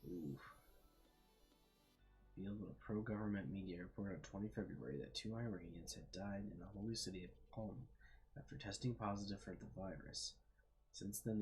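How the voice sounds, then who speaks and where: Over a rough recording, a lowish, slightly mellow male voice leads a gaming video. The young host reads on-screen text aloud and thinks out loud while exploring, his thoughts drifting off with fillers.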